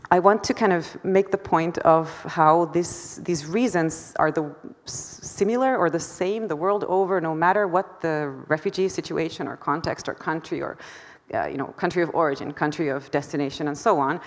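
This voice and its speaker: A woman's voice: sits low, moderate pace. A woman artist presenting her work at a conference talk, hesitant, with many fillers and restarts and self-deprecating laughter. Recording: long hall reverb.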